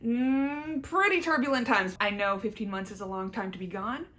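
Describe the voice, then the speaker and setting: A young YouTuber from Southern Ontario, Canada, speaks with a Canadian accent in a fairly high voice at a normal pace, with noise in the background. She gives her viewers a casual, candid personal update, chatty and emphatic.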